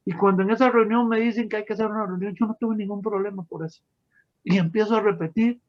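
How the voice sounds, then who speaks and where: A man telling his personal testimony to an audience, emotional and storytelling, calling his listeners friends. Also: high voice. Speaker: testimony speaker. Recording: dull lo-fi sound.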